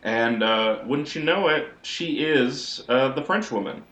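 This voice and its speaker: A man's voice: medium pitch, lively intonation, unhurried, fairly bright tone, dull audio. A man co-hosting a podcast, giving a wry, rambling recap of a TV episode in casual chat. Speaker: podcast co-host. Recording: echoey audio, as if in a sewer.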